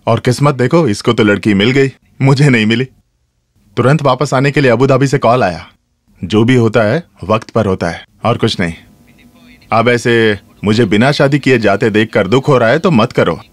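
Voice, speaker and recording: A man's voice: mid-range voice, normal speed, no echo, close to an everyday voice. A man voicing a departing emigrant, teasing. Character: man in his forties leaving home to work abroad. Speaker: dubbing actor. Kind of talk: Hindi film dubbing.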